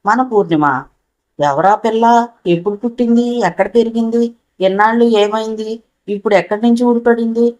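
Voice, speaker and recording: A woman's voice: on the high side, fairly quick, darkish tone, lightly acted, rough recording. A woman voicing a playful young man who teases his older sister in mock-serious tones. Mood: teasing. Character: playful young man, teasing prankster brother.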